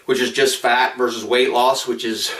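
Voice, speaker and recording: A slightly winded man speaks quickly and casually, stacking repeated phrases for emphasis as he makes a sales pitch. His voice sits at an ordinary middle pitch. He is recorded from a distance in an echoey home gym. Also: level tone, fairly bright tone. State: slightly out of breath. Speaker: product promoter.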